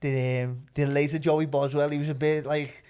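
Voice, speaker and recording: A man's voice: a little high, level tone, moderate pace, darkish tone, clear, resonant tone. A man from the Liverpool area with a Scouse accent, chatting casually as a guest in a jokey, rambling, colloquial way. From Liverpool area, England. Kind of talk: casual chat.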